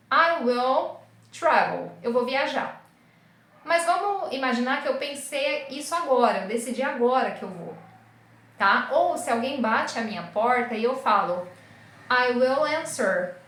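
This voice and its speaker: A woman teaching English grammar in Portuguese with a Brazilian accent, explaining step by step and saying example phrases slowly. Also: a little high, roomy sound. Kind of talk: online grammar lesson.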